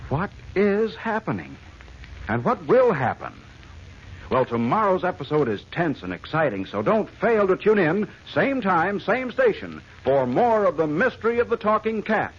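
A man's voice: high voice, big pitch swings, moderate pace, slightly rough, full character voice. A man narrating a suspenseful radio adventure serial in portentous 1940s old radio announcer style. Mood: urgent. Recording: muffled old radio recording, faint noise.

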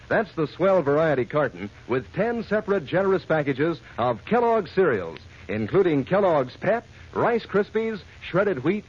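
A man's voice: high voice, breathy edge. A man in 1940s old radio announcer style, peppily selling in a scripted advertisement. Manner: peppy salesmanlike. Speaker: announcer and cereal pitchman. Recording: dull old radio recording.

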